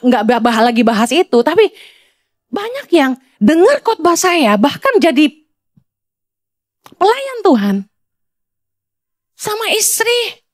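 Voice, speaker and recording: A woman's voice: sits high, no room sound, clean studio sound. A middle-aged Indonesian woman pastor preaching bluntly, with scolding asides and a conversational tone. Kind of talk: sermon.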